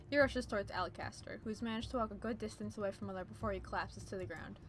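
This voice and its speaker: A woman's voice: medium pitch, fast, slight background noise. A woman reading a visual novel as its narrator, mixing dramatic storytelling with casual commentary.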